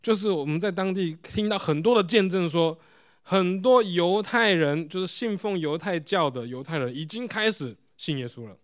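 Male preacher, sermon, voice a little high, leans on rhetorical questions. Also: normal speed. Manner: asks the congregation rhetorical questions; explains while showing photos.

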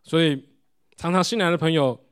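Questioning male preacher, slightly high voice. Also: brisk, clear, resonant tone. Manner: asks the congregation rhetorical questions; explains while showing photos. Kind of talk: sermon.

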